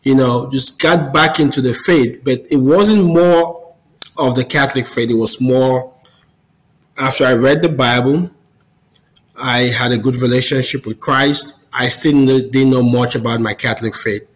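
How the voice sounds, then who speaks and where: A Cameroonian man in his forties appears as a podcast guest over a video call, recounting his personal story in a friendly, earnest, casual interview style. His medium-pitched voice stays steady and a little slow, and the recording is rough.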